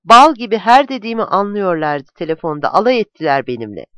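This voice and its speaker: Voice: mid-range voice, very animated, fast, no room sound. A reader doing a desperate, angry village teacher. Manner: urgent, shouting in anger. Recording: dull lo-fi dry recording.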